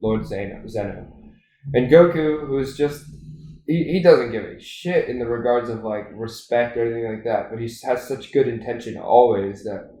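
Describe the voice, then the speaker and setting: A man co-hosting a podcast, chatting in a loose, rambling way full of fillers. He retells stories with animated bursts of energy. His voice sounds off-mic and bounces around a roomy, echoey space. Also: medium pitch, moderate pace, distant mic. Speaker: podcast co-host. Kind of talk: casual chat.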